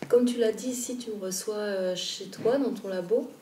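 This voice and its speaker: A woman asking interview questions in a quiet, soft-spoken way. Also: mid-range voice, normal speed, a little hiss or hum. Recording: roomy, distant, with music behind.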